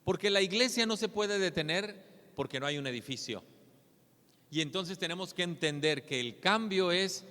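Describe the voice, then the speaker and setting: Earnest pastor preaching in reverb. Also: male voice, high-pitched, sharp tone. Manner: earnest, asks rhetorical questions with a tag "¿verdad?". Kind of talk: sermon.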